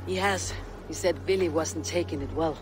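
Man playing a high-voiced, resolute Viking warrior. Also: normal speed, noisy background, natural voice. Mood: concerned. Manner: firm, direct. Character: resolute, blunt Viking warrior, loyal friend. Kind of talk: video game cutscene acting.

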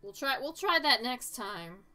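A woman's voice: high-pitched, big pitch swings, unhurried, sharp tone. A woman streaming a game, talking to herself in casual commentary, pleading with the game and laughing at her own mistakes.

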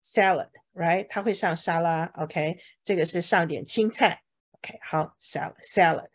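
A woman teaching English words to a class, asking questions, drilling each word slowly and saying OK a lot. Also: fairly low pitch, slightly rough. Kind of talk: bilingual vocabulary lesson to a class.

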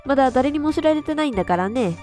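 A woman voicing a pushy, gossiping middle-aged woman who talks brashly and roughly. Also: sits high, lively intonation, fast, darkish tone, faint music behind. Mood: indignant.

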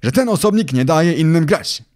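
A man voicing an irritated adult male minigolf owner in an audiobook, scolding loudly and impatiently. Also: fairly high pitch, animated, normal speed, pitched above the performer's own voice, close to an everyday voice. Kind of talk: audiobook character voice.

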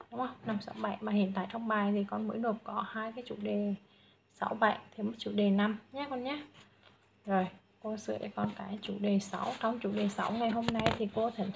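A woman teacher with a Vietnamese accent giving a young student patient pronunciation feedback, saying each English word loudly and repeating it. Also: medium pitch, creaky, highs cut off, slight background noise. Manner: slow, patient, models English words loudly and repeats them.

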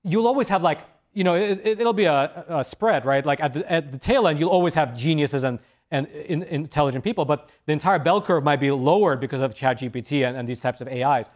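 A young man speaks on a television studio panel with a fairly high voice for a man. He rambles as he thinks, with frequent restarts and fillers, and a lapel mic picks him up cleanly. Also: fairly quick.

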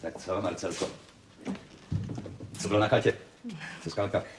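An actor playing a genial technical manager in a 1980s TV drama, chatty and friendly with his colleagues. His voice is very deep for a man, with a faint hiss of noise behind it. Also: steady tone, close to an everyday voice. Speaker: technical deputy.

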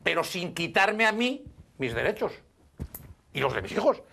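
High gravelly Spanish man, emphatic. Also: very animated. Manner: emphatic, deliberate, forceful. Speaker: panelist. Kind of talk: heated political debate.

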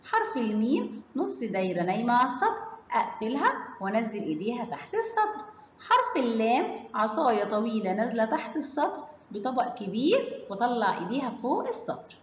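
An Egyptian woman teaching children to read, in a lively, fairly high voice that swings widely in pitch. She draws out each syllable as she sounds out a word. The recording is slightly dull, in an echoey room with a long reverb tail. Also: fast talker, slight background noise. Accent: Egyptian Arabic. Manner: stretches out syllables when sounding out words; asks children questions and answers them herself. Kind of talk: children's reading lesson.

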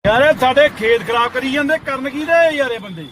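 A man, scolding and threatening people away from his sugarcane field in a comic roadside rant, shouting repeated commands. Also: very high-pitched, brisk. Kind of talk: comic outdoor rant to camera. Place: outdoors by a road near fields. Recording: noisy outdoor roadside recording.

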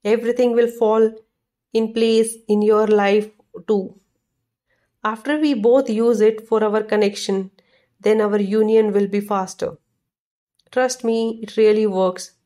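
A woman's voice: medium pitch, fairly even intonation, a little slow, mellow. A woman reads a scripted romantic message of sweet nothings to a sweetheart in a tender, affectionate manner.

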